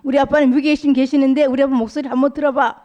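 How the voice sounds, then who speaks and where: A woman doing little Sora, a high pleading child. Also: flat delivery, racing, dark tone, dull audio, close to an everyday voice. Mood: excited. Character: upset little girl Sora, tearful and insistent.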